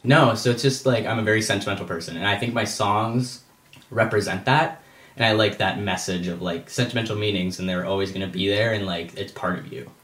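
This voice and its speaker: A man's voice: fairly low pitch, fairly quick, a bit bright. Rambling young man in an echoey room. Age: young adult. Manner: rambling, filler-heavy. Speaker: musician guest. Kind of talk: casual chat.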